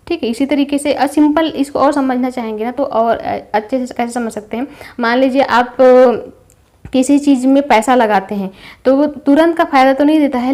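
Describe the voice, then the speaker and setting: High-voiced woman teaching exam prep. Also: a little mellow. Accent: Chhattisgarh Hindi. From India. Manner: explains patiently with everyday examples, fillers and check-ins.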